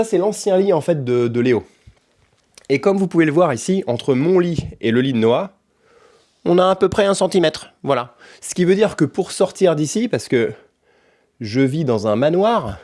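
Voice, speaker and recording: A French man in his thirties talks informally to the camera in a casual vlog, his speech full of fillers and slang. His voice sits fairly high and has a darkish tone.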